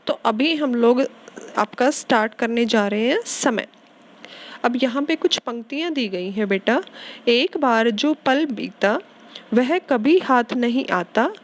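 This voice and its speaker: Woman teacher, fairly high voice, slow and patient classroom explaining. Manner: slow, patient, repeats and checks with "ठीक है". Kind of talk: classroom grammar lesson.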